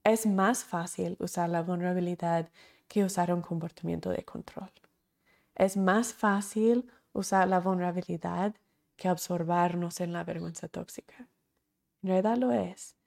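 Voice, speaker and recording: A woman's voice: fairly low pitch, fairly even intonation, normal speed, vocal fry, a little mellow. A woman, teaching a recorded course in an earnest, repetitive, emphatic way. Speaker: course instructor.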